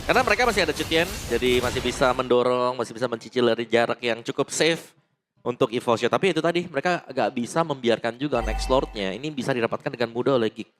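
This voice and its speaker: Esports caster, analyst seat, man, Indonesian accent, rapid analytical talk, light music behind. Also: medium pitch, a bit bright.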